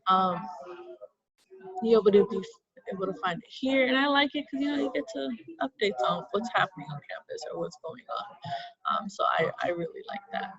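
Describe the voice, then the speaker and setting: A woman's voice: medium pitch, muffled recording. A young woman, a student orientation leader, walks through campus web links in a chatty, upbeat way with lots of fillers, over a video call while hiccuping. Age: young adult. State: has the hiccups. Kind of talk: casual screen-share walkthrough.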